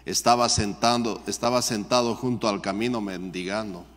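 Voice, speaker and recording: A male pastor leading a Bible study, reading scripture and commenting on it while often calling listeners "brother", his voice rising high and loud at the emotional peaks. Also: steady tone, normal speed. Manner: reads scripture aloud, then comments, often addressing listeners as "hermano"; voice rises sharply in pitch and loudness when repeating the cry for mercy. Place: church. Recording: long church hall reverb.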